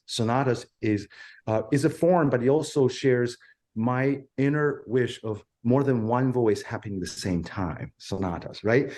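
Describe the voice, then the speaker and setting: Speaking with a Chinese accent, a middle-aged violin professor from China recounts his story in short, earnest, emphatic phrases as an interview guest. He has a medium-pitched voice with a darkish tone.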